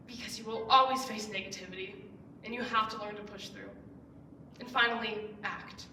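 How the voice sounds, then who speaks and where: A woman's voice: a little high, pushed and bright, a little hiss or hum. A young woman in her late teens, a student giving a persuasive speech from a school stage in an earnest way, pushing key words up with emphatic rises. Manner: earnest, with emphatic rising stresses. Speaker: student speaker. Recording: roomy echo, heard from some distance.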